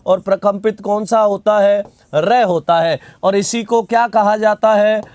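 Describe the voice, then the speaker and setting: A man's voice: sits high, steady tone, measured pace, a little mellow, no room sound. A man teaching an online grammar class, asking questions and answering them himself, repeating key terms and reading out viewer comments. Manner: reads out viewer comments and replies.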